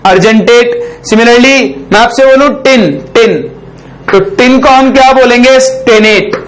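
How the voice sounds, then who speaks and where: In poor-quality audio, a man with a very high voice teaches a chemistry rule, asking the class questions he then answers himself. Pausing to dictate slowly as he writes on the board, he keeps checking in with a short "ठीक," meaning "okay."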